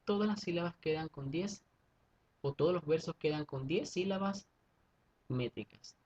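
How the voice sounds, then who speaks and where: Husky-voiced male teacher, methodical. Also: a little high, normal speed, a little mellow, lo-fi sound. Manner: methodical, repeats steps and checks in with students. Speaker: secondary school teacher. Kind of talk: online class explanation.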